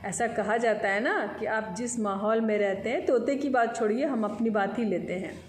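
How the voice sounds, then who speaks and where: A woman Hindi teacher speaking slowly and clearly to children in an online class from home. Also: on the high side. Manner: slow, clear, patient teacher talk to children. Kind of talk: online class lesson with story reading. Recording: echoey room, faint background noise.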